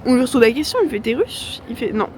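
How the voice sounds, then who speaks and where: Tired from traveling, a young woman vlogs to camera from a busy airport, full of jokes, slang and fillers. She sounds a little high and animated, talking quickly over the noisy crowd in the background.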